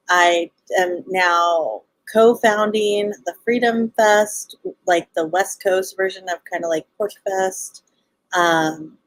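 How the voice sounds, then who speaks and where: A woman's voice: mid-range voice, no echo, rough recording. A woman from Los Angeles with a Californian Valley Girl accent, chatting casually as an interview guest in a bubbly, slangy sorority-girl manner. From Los Angeles, United States. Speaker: podcast guest, show co-founder and event organizer. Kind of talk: casual live interview chat.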